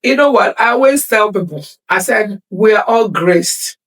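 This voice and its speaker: A woman's voice: mid-range voice, expressive, normal speed. A middle-aged woman talking as a talk show guest, emphatic and motivational, repeating her phrases for stress. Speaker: guest, community leader and counselor.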